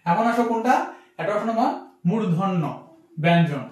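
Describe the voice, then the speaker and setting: A man's voice: high voice, lively intonation, a little fast. A young man from Bangladesh teaching an admission-test grammar lesson, repeating terms and quizzing the listener as he goes. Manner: repetitive, quizzing, asks "ঠিক আছে?" often. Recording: echoey room, distant from mic.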